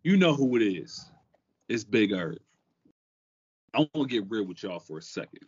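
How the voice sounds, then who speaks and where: A man's voice: on the low side, sing-song, normal speed, breathy edge. A man co-hosting a casual podcast as an emphatic hype man who repeats phrases, on a dull microphone. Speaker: podcast co-host.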